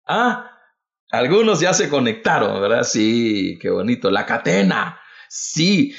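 A fervent preacher from El Salvador gives a livestreamed devotional talk, calling listeners "brother" and repeating rhetorical questions. His voice has a lively pitch but is slow and gravelly. The recording is dull and lo-fi.

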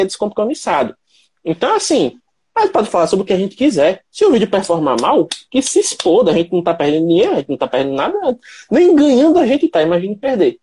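Brazilian man host, fairly high husky voice, emphatic, lots of rhetorical questions. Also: sing-song, brisk, dark tone. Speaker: host of a mobile photography channel. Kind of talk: live chat on a stream.

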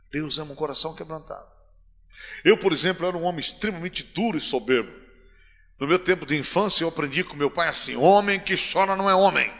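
A male pastor preaching a sermon, swinging from soft to loud and calling on the congregation. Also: a little high. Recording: long hall reverb.

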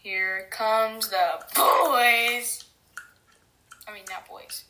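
A woman co-hosting a casual podcast, blunt and deadpan, swearing casually. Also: on the high side, very slow. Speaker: podcast co-host.

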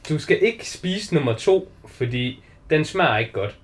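A man in casual conversation about a film, retelling scenes with lively quoted voices and frequent swearing. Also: on the high side.

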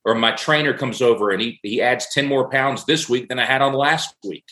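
A man's voice: mid-range voice, normal speed, bright, forceful tone. A middle-aged man in a casual faith discussion, telling stories earnestly and repeating key phrases for emphasis. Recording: roomy echo.

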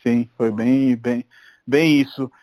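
A man's voice: medium pitch, steady tone, slow, darkish tone, no room sound. A man in his thirties hosting a podcast, chatting in a friendly, agreeable way and dropping in English words. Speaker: podcast host. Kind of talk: casual podcast chat.

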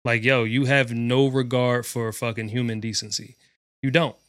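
A man's voice: mid-range voice, flat delivery, moderate pace, a bit bright, dry recording. A man with a mid-range voice talks bluntly and profanely in a casual podcast debate. He rambles through his points with constant fillers. His voice sits close and dry on the mic with no room sound. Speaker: podcast co-host.

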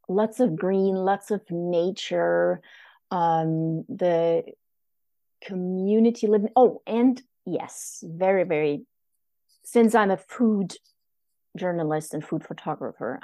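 Slow, mellow-voiced woman. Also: fairly low pitch, no room sound. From Germany. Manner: halting, reflective, heartfelt. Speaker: guest. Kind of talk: casual conversation.

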